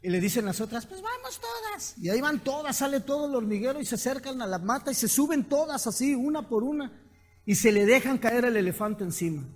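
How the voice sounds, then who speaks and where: A man with a Mexican accent, a pastor giving a lively sermon full of stories and rhetorical questions. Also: extremely high pitch, fast talker. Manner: animated storytelling with rhetorical questions.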